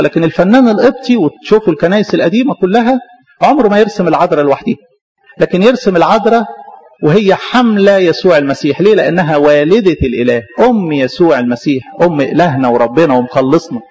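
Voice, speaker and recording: A man's voice: high-pitched, darkish tone, lo-fi sound. A man with an Egyptian Arabic accent preaching a sermon as a priest, fervent and throwing rhetorical questions at the congregation.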